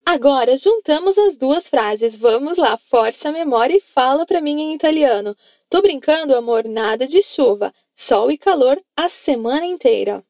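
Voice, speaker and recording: High-voiced Brazilian woman teaching Italian. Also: animated, normal speed, hardly any pauses, darkish tone, no echo, clean studio sound. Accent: Brazilian Portuguese. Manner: encouraging, coaxing the listener to repeat. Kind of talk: language lesson narration.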